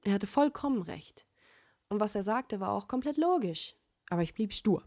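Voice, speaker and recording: Young woman reading fanfic, mid pitch, dry close sound, expressive. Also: moderate pace, dry recording. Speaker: fan fiction reader. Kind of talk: first-person story narration.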